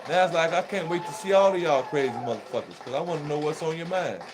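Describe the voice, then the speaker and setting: A man's voice: fairly high pitch, lively intonation, fast. A man talking straight to his viewers in a casual, profane, rambling monologue, laughing as he goes. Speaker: vlogger. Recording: noisy recording with crowd chatter behind.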